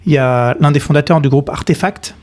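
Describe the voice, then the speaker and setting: A man in his thirties, originally from Nantes, talking casually as a guest in a podcast interview, relaxed and hesitant, with many fillers and restarts. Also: fairly high pitch, a little fast. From France, Nantes. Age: 30s. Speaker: guest, company cofounder.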